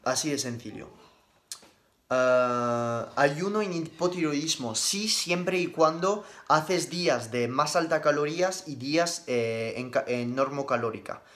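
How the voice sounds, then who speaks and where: A young man, a nutrition coach answering viewer questions on a live stream in brisk, matter-of-fact replies with casual slang. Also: on the high side, a bit bright.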